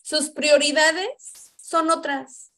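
This is a middle-aged woman with a fairly high voice. She talks as a chatty host sharing personal stories. Her speech is loose and casual, full of fillers and restarts. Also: steady tone, very slow, bright, forceful tone. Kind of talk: casual personal testimony talk.

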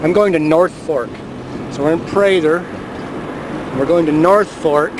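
A man's voice: fairly high pitch, unhurried. Chatty man narrating outdoors, camera mic. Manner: amused, chatty, pointing things out. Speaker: vlogger filming the sky. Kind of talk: casual running commentary while filming. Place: outdoors, by the road and in a car. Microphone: handheld camera mic. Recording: noisy outdoor camera audio. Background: traffic and outdoor noise.

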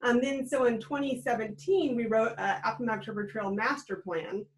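She's a regional trail program director, an American in her thirties, with a voice on the high side, fairly even intonation and a fairly quick pace. The webcam recording from her small home room is rough as she explains upbeat and friendly on a video call.

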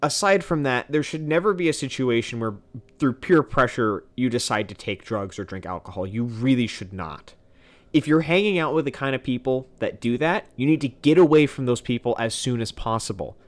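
A man's voice: mid-range voice, lively intonation, normal speed. A young man casually commenting on a game as its host, joking and self-deprecating. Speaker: gamer host. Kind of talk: casual let's-play commentary.

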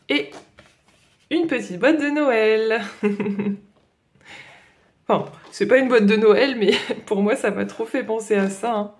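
Slow, hesitant Ch'ti-accented woman. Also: on the high side. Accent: Northern French (Ch'ti). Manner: hesitant, many fillers and "voilà". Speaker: coloring vlogger. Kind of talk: casual haul chat.

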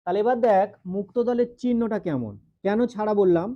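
A male teacher drills and quizzes students in a grammar class, speaking with a West Bengal Bengali accent and lengthening syllables. His high voice is animated and a little fast, and the recording is muffled.

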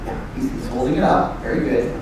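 A man's voice: medium pitch, brisk. Middle-aged male comedian, very echoey stage. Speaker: ventriloquist comedian. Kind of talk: casual live stage comedy banter. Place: theatre stage. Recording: echoey stage, distant, loud audience noise. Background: live audience.

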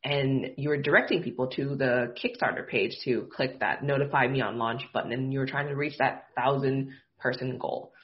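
A male podcast host interviews a guest in an upbeat way, peppering his questions with "like" and "got it". His pitch is mid-range. The remote audio sounds dull and lo-fi. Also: steady tone, normal speed, hardly any pauses.

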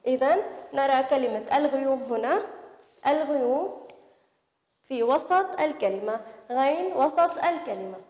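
A woman teacher giving a reading lesson to first-grade children, sounding out letters slowly and clearly. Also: high-pitched, lively intonation, a little mellow, roomy sound, long reverb tail. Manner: slow, drawn-out spelling of sounds.

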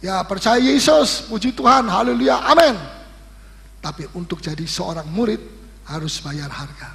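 Gravelly high-voiced preacher in a hall. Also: male voice, normal speed. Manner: lively, teasing, questions the congregation. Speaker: pastor. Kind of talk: sermon. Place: church hall. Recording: echoey hall recording.

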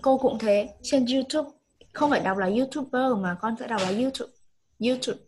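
A woman's voice: a little high, normal speed, darkish tone, a little hiss or hum, rough recording. A woman, teaching an online English lesson over a video call, patiently coaxing and repeating prompts.

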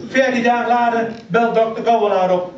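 A man's voice: extremely high pitch, steady tone, fairly quick, a crowd in the background. A man with an Overijssel Dutch accent doing a carnival stand-up monologue, telling jokes as a first-person story and acting out each line of dialogue. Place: large hall with a live audience. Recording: echoey hall from far off, dull, audience laughter.

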